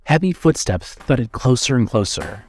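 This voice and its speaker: A man's voice: mid-range voice, lively intonation, moderate pace, a little hiss or hum. Male narrator reading a horror story.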